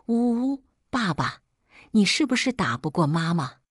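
A woman's voice: on the low side, big pitch swings, normal speed, breathy edge, no echo, studio quality. A woman voicing a small crafty boy who whines and sobs his pleas, in a storybook reading. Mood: sobbing. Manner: whining, sobbing pleas.

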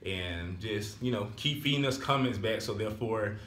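A twenty-one-year-old man from Alabama chats casually as a vlogger, rambling a little in a laid-back way and repeating "so therefore." His voice is lowish and a bit bright at a moderate pace. The small home room sounds reverberant, with a little hiss or hum.

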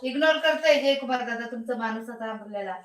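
Chatty high-voiced woman on a live stream. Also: brisk, distant mic. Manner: chatty, teasing, calls out to viewers by name. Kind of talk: casual live-stream chat. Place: home kitchen. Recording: echoey room, faint background noise.

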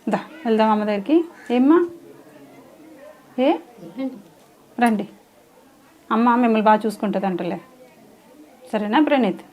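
A woman hosting an interview, coaxing a child with soft, repeated questions. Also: on the high side, normal speed, long pauses, highs cut off. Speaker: host. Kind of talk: casual interview.

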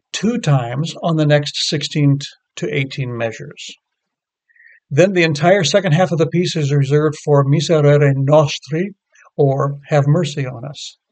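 A man reading a scripted lecture that explains choral music, in a measured, explanatory way. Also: on the high side, darkish tone.

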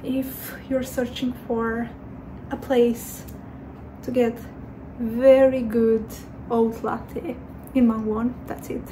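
Brief: female vlogger, a bit high-pitched, chatty and gushing, phone-recorded over traffic noise. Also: little pitch movement, slow, warm tone. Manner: chatty, gushing, rambling with fillers. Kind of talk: casual vlog chat. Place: city streets, cafes and home. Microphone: phone camera. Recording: noisy street ambience with traffic. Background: street noise and vehicles.

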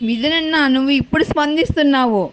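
A woman's voice: high voice, quick pace, slight background noise. A woman, leaving a recorded phone voice message for a politician she supports, insistent and repeating her point over and over.

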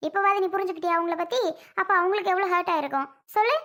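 Woman playing a soft apologetic young wife. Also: extremely high pitch, very fast. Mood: conciliatory.

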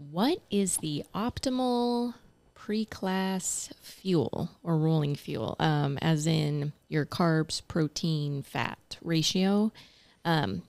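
A woman's voice: fairly low pitch, vocal fry, no echo. A woman co-host reading out listener questions in a casual podcast chat. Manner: reads questions aloud plainly.

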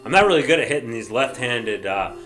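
A man casually commenting while playing an old baseball video game, excitable, shouting at the players and grumbling when things go wrong. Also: mid-range voice, fairly quick, over music. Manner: excitable, swears mildly, yells at the game. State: says he is drunk. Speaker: let's play gamer.

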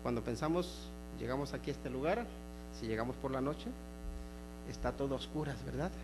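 A man preaching a sermon in a church, emphatic, slowing on key phrases and dropping to soft asides. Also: medium pitch, noisy background. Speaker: pastor. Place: church sanctuary.

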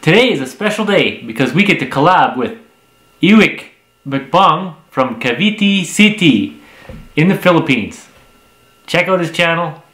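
A man's voice: a little high, expressive, unhurried, fairly bright tone, echoey room. A man co-hosting a mukbang vlog, friendly and enthusiastic as he presents and tastes the food. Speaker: mukbang vlogger, co-host. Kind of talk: casual chat.

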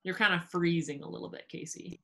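A woman's voice: on the low side, steady tone, a little fast, creaky, sharp tone. A woman host on a video call, reading a children's story expressively, then chatting about a simple kids' science activity.

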